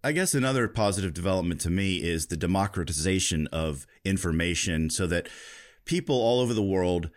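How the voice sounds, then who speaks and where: A male podcast host interviewing a guest in a relaxed, thoughtful way, often restarting his sentences. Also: deep voice, fairly quick. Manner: thoughtful, with frequent restarts and fillers. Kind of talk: conversational interview.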